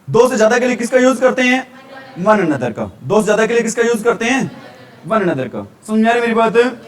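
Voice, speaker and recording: A man's voice: extremely high pitch, recorded from a distance. A man teaching a grammar revision class, posing questions and answering them himself. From India.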